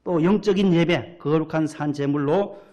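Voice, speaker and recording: Male pastor, slightly high voice, chatty and folksy sermon delivery in a church. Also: normal speed, dark tone.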